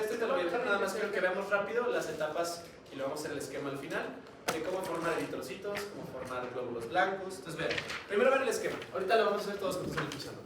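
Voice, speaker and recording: A man giving a classroom lecture, chatty and always asking the students questions. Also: high voice. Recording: echoey classroom, mic far off, noisy.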